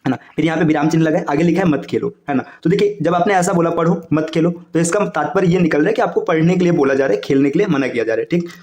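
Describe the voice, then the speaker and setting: A man teaching Hindi grammar for exam coaching, explaining fast and checking in with "है ना" and "देखिए". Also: a little high, darkish tone, echoey room.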